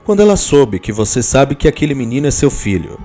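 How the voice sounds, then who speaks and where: Man as a calm, firm husband. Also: fairly quick, faint music behind. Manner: soft, low and steady.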